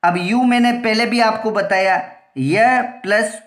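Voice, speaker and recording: A woman teacher explains a grammar lesson at a medium pitch, slowly and patiently. She repeats each point and asks herself questions before answering them. Her voice rings in an echoey room.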